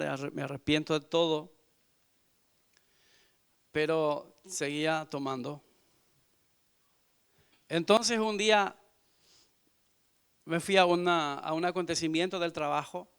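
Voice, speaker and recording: A man in his forties, a visiting missionary, giving an earnest sermon testimony in church, moving from hushed to loud. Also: a little high, clean tone. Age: 40s.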